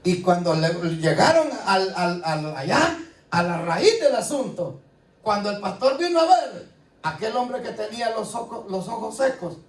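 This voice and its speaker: A man with a high-sitting voice and lively intonation preaches at a measured pace in church. The echoey hall makes him sound distant, faint ambience and congregation responses can be heard, and his sermon is conversational with plenty of rhetorical questions.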